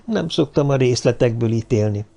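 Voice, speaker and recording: A man's voice: mid-range voice, animated, gravelly, mellow. A man playing a dry-witted male explorer.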